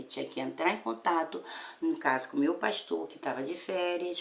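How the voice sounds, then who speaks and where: A Brazilian woman in her fifties tells a family story with feeling, her voice gravelly and her words repeated for emphasis. The recording sits in a roomy space with a clear echo. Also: on the low side. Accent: Brazilian Portuguese. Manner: animated, repeats phrases for emphasis. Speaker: mother telling a family story. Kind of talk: emotional personal storytelling.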